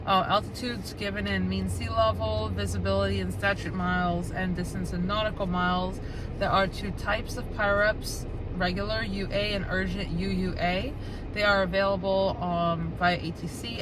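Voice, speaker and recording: A woman with a Brooklyn accent reads instructional material aloud in a mid-range voice. She carefully spells out acronyms and explains things informally, as if to fellow students. Clear background noise runs behind her. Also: mid-range voice. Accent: Brooklyn, New York. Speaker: flight instruction presenter, pilot. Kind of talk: reading a study guide aloud with casual explanations.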